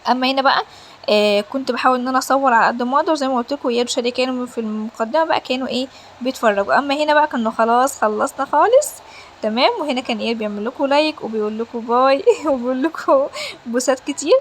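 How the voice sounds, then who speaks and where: A woman's voice: sits high, very fast, a little hiss or hum. A woman with an Egyptian accent narrating her family vlog in a chatty way, talking straight to her viewers. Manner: chatty, addresses viewers directly. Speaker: family vlogger.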